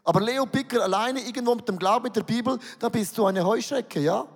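A man's voice: very high-pitched, a little fast, long reverb tail. A man with a Swiss German accent preaching a sermon, emphatic, repeating words and asking rhetorical questions.

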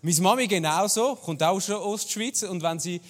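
Swiss pastor preaching in a reverberant hall. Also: male voice, high voice, normal speed. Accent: Swiss German. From Switzerland. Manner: conversational, addresses listeners directly. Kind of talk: sermon.

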